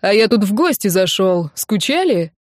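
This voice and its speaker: A woman's voice: medium pitch, big pitch swings, normal speed, darkish tone, no echo, studio quality, natural voice. A woman voicing a cheeky, brash young man with a breezy, cocky way of talking, as an audiobook character. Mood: cheerful.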